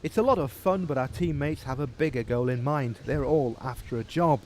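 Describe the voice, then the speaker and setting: A man's voice: mid-range voice, fairly quick, background noise. A man presenting a regional business TV show, chatting with his co-host and narrating reports in a jokey, self-mocking way. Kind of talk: studio chat and voice-over narration.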